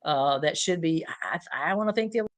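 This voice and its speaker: A man's voice: fairly high pitch, lively intonation, fairly quick. A man hosting a political podcast, talking in a casual, opinionated way with many fillers.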